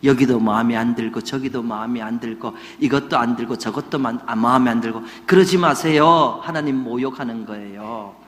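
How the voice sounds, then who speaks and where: A man from the Gyeongsang region preaching a sermon as senior pastor, animated and playful, slipping into regional dialects for humor. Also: mid-range voice, a little fast, hardly any pauses, in a large hall. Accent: Gyeongsang Korean. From Gyeongsang region, Korea.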